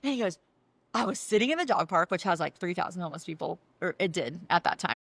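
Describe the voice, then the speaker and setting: A woman's voice: lowish voice, fast talker, gravelly, no room sound. A woman sharing her personal story in a casual podcast chat, acting out the voices of the people in it. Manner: animated, acts out dialogue with quoted voices. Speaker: guest sharing testimony.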